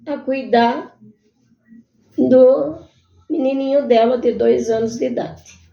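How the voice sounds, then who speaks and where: A woman telling her own life story in a halting, earnest way. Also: sits high, vocal fry. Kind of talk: personal storytelling. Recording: echoey room, muffled sound.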